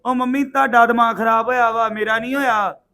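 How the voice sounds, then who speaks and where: A man's voice: very high voice, fairly even intonation, a little fast, sharp tone, full character voice. An actor playing a defiant, hot-tempered young man with a Punjabi accent, arguing with his mother. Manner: defiant, sulky, angry. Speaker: son.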